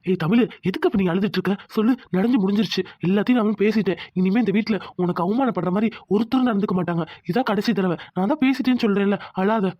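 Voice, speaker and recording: Cartoon: a firm, protective young husband, voiced by a woman, rapid delivery, dull and dry. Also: mid-range voice, no echo, close to an everyday voice. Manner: firm, lecturing, reassuring. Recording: dull lo-fi sound.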